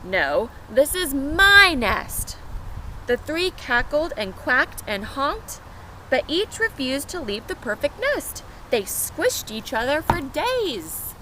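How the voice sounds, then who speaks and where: With a high, sing-song voice and an unhurried pace, a woman reads a picture book aloud to young kids, adding asides to her little audience. She's outside near pet chickens. Urban background noise fills this rough outdoor recording.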